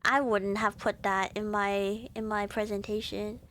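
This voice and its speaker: A woman's voice: mid-range voice, level tone, measured pace, fairly bright tone. A woman streaming live in casual chat, giddy and rambling with lots of fillers, sounding congested.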